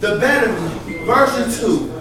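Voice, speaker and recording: Performing before a crowd at a poetry event, this spoken word poet uses a mid-range voice with lively intonation and an unhurried pace, delivering the lines with rhythmic, impassioned emphasis and singing some passages. Audience noise and echo fill the recording, which comes from a distant mic in the live venue.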